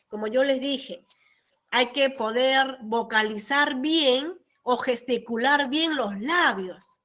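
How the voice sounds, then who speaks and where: High-pitched young woman teacher, patient lecturing delivery, frequent check-ins with students. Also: sharp tone. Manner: explanatory, checks in with tag questions. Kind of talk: online class lecture.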